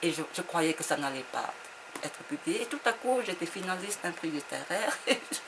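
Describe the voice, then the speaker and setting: A woman's voice: on the low side, lively intonation, fairly quick. A woman author from Vietnam, speaking in a reflective interview conversation. She hesitates and often repeats her words as she searches for them. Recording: noisy background.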